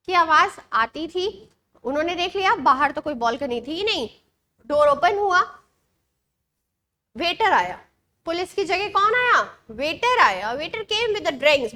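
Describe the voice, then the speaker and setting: Young indian woman teaching english online, reads the text out slow, keeps checking in with her students. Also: very high-pitched, sharp tone. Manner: switches between Hindi and English, reads passages slowly; checks in often with short questions. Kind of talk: online exam-prep lesson.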